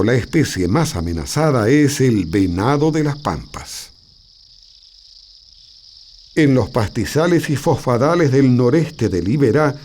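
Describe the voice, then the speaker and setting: A man narrating a scripted nature documentary in a measured, explanatory way. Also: mid-range voice, warm tone, a little hiss or hum. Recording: music behind the voice. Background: background music.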